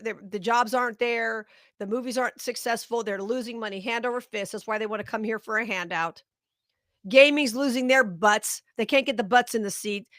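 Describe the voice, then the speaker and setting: A woman's voice: mid-range voice, a bit bright, no room sound. Woman, middle-aged, live commentary host, indignant, sarcastic, dry close sound. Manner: indignant, sarcastic, talks straight to viewers. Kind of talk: live political commentary rant.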